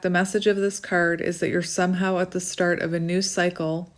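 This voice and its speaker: A woman with a slight lisp from wearing a retainer, doing a casual, chatty card reading in an effusive, giggly manner. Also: on the low side. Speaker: tarot reader hosting a card reading.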